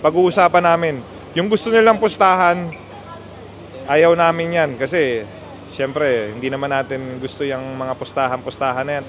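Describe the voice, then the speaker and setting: A man hosting a casual outdoor chat, telling a story in an animated, chatty way. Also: on the high side, moderate pace, a little hiss or hum. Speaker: motorcycle club host.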